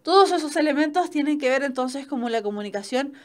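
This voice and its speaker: A woman teacher with a Chilean accent delivers an online lesson in a slightly high voice. She explains patiently and keeps checking that students follow. Her pacing is unhurried and instructive. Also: animated. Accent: Chilean Spanish. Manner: explanatory, frequent "¿cierto?" checks. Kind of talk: online class lecture.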